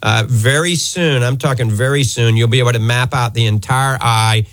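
With a mid-range voice at a moderate pace and no echo, an American eye doctor from the New Orleans area hosts a live health call-in radio show. He explains things fluently and emphatically, speaking close to a studio microphone.

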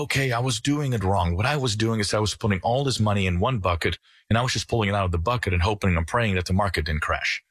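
A middle-aged man from the Netherlands, a financial advisor talking earnestly on a radio show in a folksy sales-pitch manner. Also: fairly bright tone, no echo.

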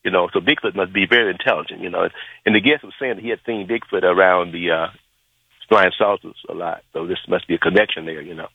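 A man's voice: low-pitched, fairly even intonation, quick pace, vocal fry, breathy edge, dry recording. A man from Mississippi calling into a radio talk show by phone, rambling with many fillers. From Jackson, Mississippi. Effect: phoned-in voice on a radio show line. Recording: tinny phone line.

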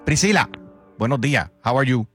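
A man's voice: medium pitch, lively intonation, normal speed, fairly bright tone, slightly rough, no echo, soft background music. A man hosting a radio show, greeting callers and teasing them playfully. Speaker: radio host. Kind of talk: casual radio talk.

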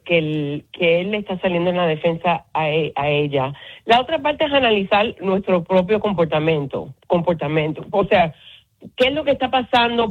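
A woman psychologist calmly explaining family relationships as a guest on a radio talk show. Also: medium pitch. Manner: calm, explanatory, mixes in English words. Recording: phone line.

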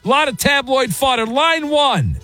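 Smooth radio host guy, kinda high voice, cracking jokes between calls on a studio mic. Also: big pitch swings, sharp tone. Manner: smooth radio host delivery, jokey and quick with callers. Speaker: sports talk radio host. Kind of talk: late-night sports talk radio. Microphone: studio microphone.

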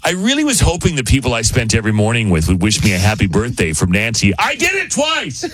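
A man hosting a morning radio show in casual banter, with a nasal, pinched-nose voice and an excitable, self-deprecating, ranting manner. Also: medium pitch, quick pace. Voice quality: nasal, sounds like plugging his nose.

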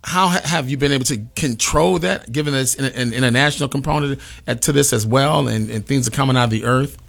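A man at a middle pitch hosts an interview. He asks long, winding questions, halting and repeating words as he goes. He keeps a conversational tone. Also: creaky, a bit bright. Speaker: interview host.

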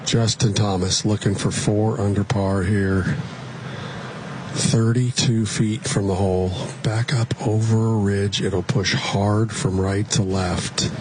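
A man's voice: lowish voice, steady tone, slow pace, background noise. A man working as an on-course golf commentator, calling play shot by shot in colloquial language.

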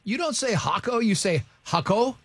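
A man's voice: extremely high pitch, expressive, normal speed, a bit bright, breathy edge, no echo. A man hosting a morning radio show, bantering loosely with a caller and co-hosts, joking and restarting his sentences.

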